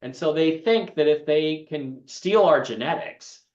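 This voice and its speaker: A man's voice: a little high, unhurried, darkish tone. A man hosting an interview, talking in an emphatic, opinionated way. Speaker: host. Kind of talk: casual interview chat. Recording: echoey, dull lo-fi remote audio.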